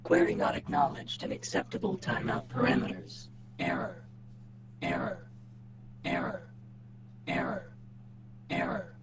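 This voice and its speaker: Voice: medium pitch, big pitch swings, unhurried, vocal fry, pauses often, background noise. An actor voicing a malfunctioning game computer through a glitching robot filter, with clipped, repeated error reports. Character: malfunctioning computer voice, cold and mechanical.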